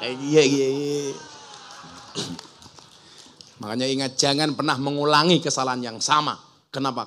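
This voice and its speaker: A man's voice: medium pitch, fairly bright tone, slight background noise. A man preaching a humorous public sermon, joking and punchy, firing off rhetorical questions to the crowd. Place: outdoor gathering at a boarding school.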